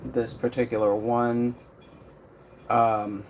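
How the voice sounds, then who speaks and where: Slow, rambling man in a workshop. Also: medium pitch, little pitch movement. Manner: rambling, unhurried, many fillers. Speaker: custom tumbler maker. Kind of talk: live-stream craft chat. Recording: faint noise from outside.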